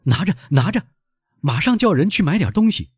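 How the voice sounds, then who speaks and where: A man doing a devoted young sailor son, raised high and pressing, husky, very dry close read. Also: huge pitch swings, moderate pace, a little mellow, no room sound, heavily acted. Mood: joyful. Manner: pleading, emphatic. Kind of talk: audiobook reading.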